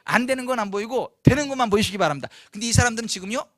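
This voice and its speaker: A man's voice: very high-pitched, expressive, racing, a bit bright, dry recording, studio quality. A male pastor preaching a sermon at a church service, emphatic and full of rhetorical questions. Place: church, Friday night service.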